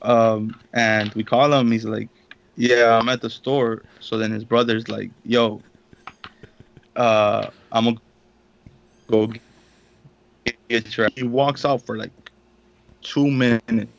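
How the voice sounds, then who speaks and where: A man's voice: medium pitch, level tone, takes it slowly, vocal fry, long pauses, muffled recording. A young man, a podcast co-host, telling a story in casual, profane slang and acting out the quotes. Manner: slangy, swears a lot, acts out quotes.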